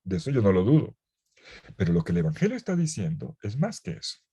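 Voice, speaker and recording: A priest teaching a Bible course in a lively lecture style. His voice is dark and mellow, with a slightly husky edge. He slips playful, ironic asides into the teaching. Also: fairly low pitch, fast talker.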